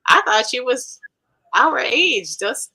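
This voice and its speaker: A woman's voice: on the high side, sing-song, takes it slowly, sharp tone, rough recording. A woman co-hosting a casual live stream, reading out viewer comments and laughing often. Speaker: co-host of a paranormal live stream.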